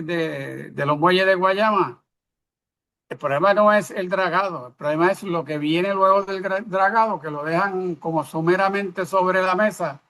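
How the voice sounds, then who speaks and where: A man with a Caribbean Spanish accent from Puerto Rico co-hosts a political talk program. His voice sits a bit high. He speaks off the cuff, repeating words and restarting sentences as he builds his argument. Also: sharp tone. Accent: Puerto Rican Spanish. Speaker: co-host of a current affairs program. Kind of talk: unscripted political commentary.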